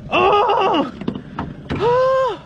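A man outdoors, shouting in excited whoops as he celebrates landing a fish. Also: extremely high pitch, very slow, highs cut off. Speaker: angler celebrating a catch. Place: outdoors by the water. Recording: outdoor phone video with loud wind and noise.

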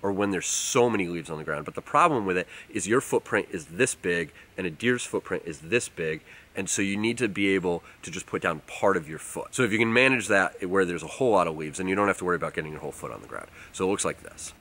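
A man, casually explaining outdoor tips to the camera in a relaxed way, recorded outdoors in a forest. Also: low-pitched, fast. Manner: relaxed, explanatory, uses fillers like um and like. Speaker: outdoors channel host. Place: outdoors in a leafy winter forest.

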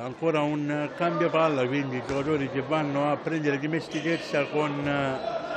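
A man giving live handball commentary, pausing as he searches for names and words. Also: a little high. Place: indoor sports hall, at courtside. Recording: loud sports hall noise, bouncing balls. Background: loud gym ambience and ball bounces.

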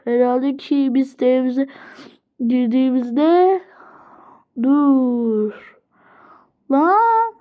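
A woman's voice: fairly high pitch, steady tone, takes it slowly, pauses often, phone-quality sound. A woman narrating a playful toy story, rambling in slangy everyday talk. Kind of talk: toy play storytelling with voices.

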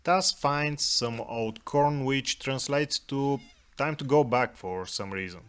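A man giving calm voice-over narration for a walk with his cat, with a dry, gently humorous manner. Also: mid-range voice, takes it slowly, smooth. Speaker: cat vlogger narrating a hike.

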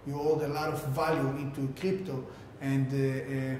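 A 30-something tech founder with a level, darkish tone presents his product to camera in a casual keynote style. He speaks haltingly with lots of fillers and repeated words, in a strongly reverberant room with a faint rumble.

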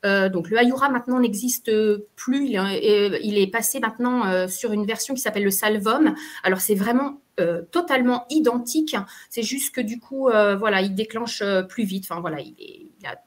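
A woman's voice: mid-range voice, normal speed, hardly any pauses. A woman presenting in an online webinar, explaining step by step with frequent fillers and restarts. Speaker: occupational therapist presenter. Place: webinar call.

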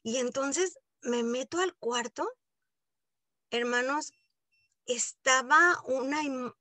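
A woman shares a personal testimony with her study group in a high, bright voice. She tells the story in a lively way, turning to her listeners as brothers and sisters. The sound is dry and close. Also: slow, dry recording. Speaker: group member sharing a testimony.

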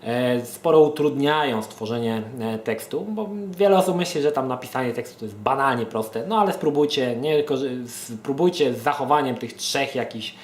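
A man talks casually to his viewers, handing out rhyming advice in a hesitant, stop-start way full of filler sounds. His voice sits at a middle pitch. The recording carries a noticeable room echo. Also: animated, normal speed, hardly any pauses. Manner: hesitant, many filler sounds and restarts, addresses viewers affectionately. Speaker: amateur rapper and vlogger running a verse contest.

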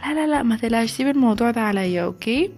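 A woman's voice: fairly high pitch, animated, rapid-fire, darkish tone. A woman with an Egyptian accent voicing a giggly, chatty schoolgirl accomplice in a toy play video. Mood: eager. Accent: Egyptian Arabic.

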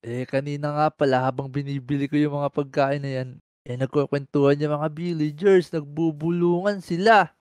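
A man with a Filipino accent playing along in a Minecraft roleplay, teasing and quick to say calm down. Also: a little high, clear, resonant tone, dry recording. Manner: teasing, calls partner boy, fast calming patter. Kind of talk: casual Minecraft roleplay banter.

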